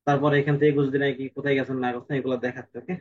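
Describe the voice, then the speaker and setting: A man teaching a live online class over a shared screen, talking fast and rambling, thinking aloud as he goes. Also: medium pitch, flat delivery, lo-fi sound. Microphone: video call.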